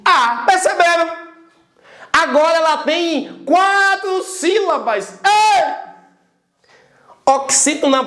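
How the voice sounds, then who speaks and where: A man teaching a lively video lesson, emphatic, calling out to his students and stretching out syllables to make a point. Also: very high voice. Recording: roomy echo.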